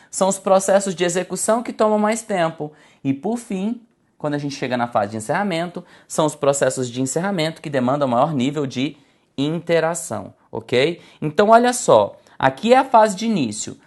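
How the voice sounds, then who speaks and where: A teacher delivers a recorded slide lecture for exam preparation. The delivery is didactic and repetitive, often calling the class "gente" and checking in with "tá?". Intonation is stretched and shifted on purpose to make points. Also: mid-range voice. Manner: didactic, addresses class as "gente", frequent "tá?" and "olha só". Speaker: exam-prep instructor.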